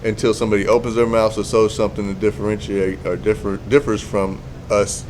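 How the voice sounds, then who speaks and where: A man co-hosting a casual podcast chat, rambling, restarting his sentences and dropping into low mumbles. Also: flat delivery, brisk, darkish tone, slight background noise. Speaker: podcast co-host.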